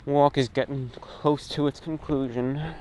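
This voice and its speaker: Fairly even in intonation and unhurried, this man's medium-pitched voice has a slightly mellow quality. He hosts a radio and online show and records on an outdoor walk, where clear ambient noise sits behind his casual, reflective, wandering monologue of short phrases.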